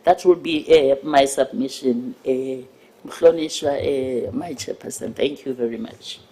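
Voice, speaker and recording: A South African member of parliament making formal, unscripted committee remarks in a halting, emphatic way, often repeating words. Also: medium pitch, warm tone, a little hiss or hum.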